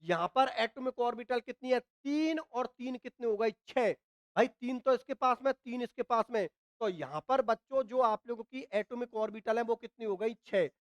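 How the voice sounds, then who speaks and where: In an extremely high voice at normal speed and with few pauses, a male chemistry teacher lectures at a whiteboard in a Hindi accent. He coughs from a dry throat, asks and answers his own questions, goes over points again and keeps saying "ठीक है ना" to his students. The audio has no room sound.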